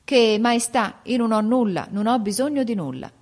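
A woman's voice: a little high, lively intonation, normal speed, a little mellow, voice pushed up. A woman reading the part of a humble young woman who pleads tearfully for mercy. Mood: modest.

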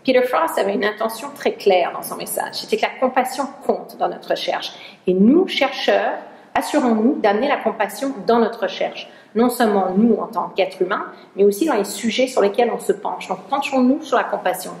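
Gravelly-voiced woman lecturing in a roomy hall. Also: medium pitch, expressive, a little fast, hardly any pauses, darkish tone. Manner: searching for words, frequent restarts. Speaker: researcher giving a lecture. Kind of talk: conference talk.

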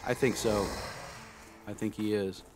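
A man's voice: on the low side, steady tone, measured pace, noisy background. A man chatting casually with viewers during a live game stream, rambling with lots of fillers and restarts. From United States. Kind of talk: casual live-stream chat while gaming.

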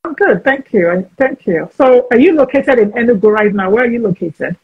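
A woman's voice: a little high, expressive, brisk, husky, phone-quality sound. A woman in her forties hosting a casual video-call interview, frank and chatty, often restarting her sentences. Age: 40s. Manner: chatty, frank, talks over herself with restarts. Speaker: host.

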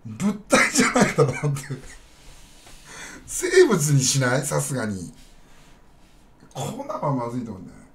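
A man's voice: medium pitch, huge pitch swings, moderate pace, long pauses, a bit bright. A man chatting casually on a live stream, rambling bluntly and talking straight to his viewers.

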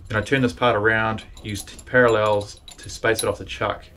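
A man with a somewhat low voice narrates a metalworking project in a relaxed, dry-humoured way. He is recorded in a workshop, and clear noise is heard behind him. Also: moderate pace. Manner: laid-back, dry humour. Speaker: welder and fabricator vlogger.

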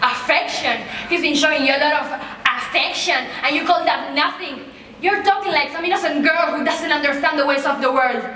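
A woman's voice: sits high, brisk, pushed and bright. A woman playing an overbearing, scolding mother in a comic stage play, theatrical and emphatic. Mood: scandalized. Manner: bossy, theatrical, emphatic repetition. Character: overbearing, scolding, dramatic mother of grown children. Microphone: far camera. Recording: very echoey theater stage, distant mic, faint noise.

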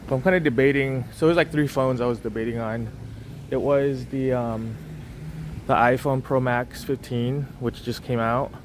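Walking through a beach resort with his phone on a gimbal, a young man vlogs a relaxed tour, wandering off track with plenty of fillers and false starts. His voice is mid-range and fairly even in intonation, his speed normal, and the background is noisy.

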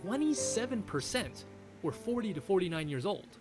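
A man narrating a documentary, reading out figures in a lively scripted way. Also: high voice, normal speed, over music.

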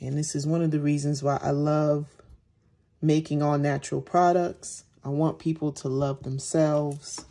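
A woman casually narrating a hands-on demonstration in a relaxed, unhurried way as she works. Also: deep voice. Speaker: soap maker and host. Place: indoors at home, at a work table.

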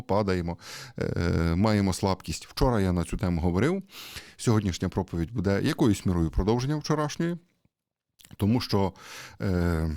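A man giving a conversational sermon, asking rhetorical questions and pausing with hesitations. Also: lowish voice, a little mellow, no echo, studio quality. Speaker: priest.

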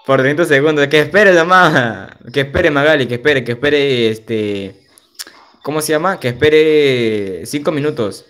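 While gaming on a livestream, a young man talks loosely with his audience in slang, reads out chat messages and laughs a lot. He speaks at normal speed with a fairly high, slightly bright voice, and faint music plays in the background.

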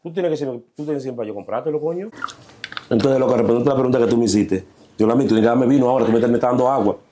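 A man's voice: medium pitch, rapid-fire, crowd noise. A young Dominican man telling his life story as a guest, rambling and slangy. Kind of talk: casual life-story interview.

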